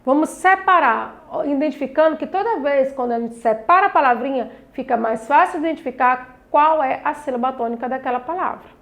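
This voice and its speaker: A woman's voice: high voice, a bit bright. A woman teacher with a Brazilian Portuguese accent, patiently coaching young pupils through a grammar lesson, stretching out words syllable by syllable. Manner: patient, drawn-out syllables, coaxing questions to pupils. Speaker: primary school teacher. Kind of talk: recorded grammar lesson for children.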